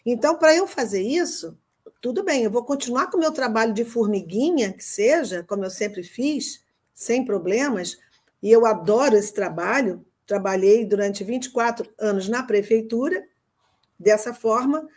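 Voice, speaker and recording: A woman's voice: on the high side, moderate pace, a little mellow. An older woman with a Rio de Janeiro accent, speaking earnestly and from the heart as a physician client on a video call, often checking that she's been understood. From Brazil. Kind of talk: casual conversation.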